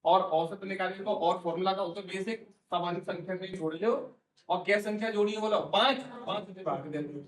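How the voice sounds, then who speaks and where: Speaking briskly and in a steady tone, this male teacher quizzes and coaxes a maths class, then says their answers back to them. His high voice sounds distant and echoey, captured by a mic far off in the room.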